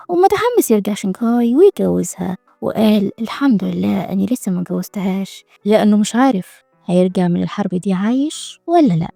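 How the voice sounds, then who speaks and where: A woman with an Egyptian Arabic accent narrating a drama recap in a brisk, colloquial storytelling manner. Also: mid-range voice, vocal fry, dark tone, no echo, studio quality.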